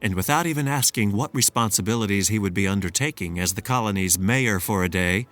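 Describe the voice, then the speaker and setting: A man reading a children's storybook aloud in a measured, expressive storytelling manner. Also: on the low side, no room sound, faint music behind. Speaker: storybook reader. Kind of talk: scripted narration.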